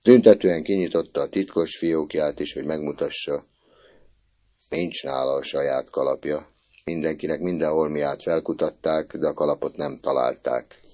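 A man reading a novel aloud in measured storytelling narration. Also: extremely low pitch, steady tone, warm tone, dry recording.

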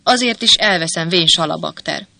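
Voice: medium pitch, gravelly, pushed and bright. A reader putting on a brash soldier ghost. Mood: defiant. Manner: brash, mocking, teasing. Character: ghost of a gruff, cocky male soldier. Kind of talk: audiobook character voice.

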